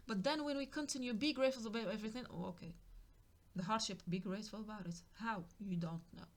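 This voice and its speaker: A woman doing a spiritual tarot reading talks fast in a mid-range voice. She muses and repeats herself, now and then dropping into a whisper.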